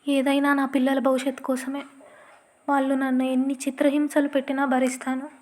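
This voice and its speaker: High, flat-toned woman telling a story. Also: brisk. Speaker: audio story narrator. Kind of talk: first-person storytelling narration.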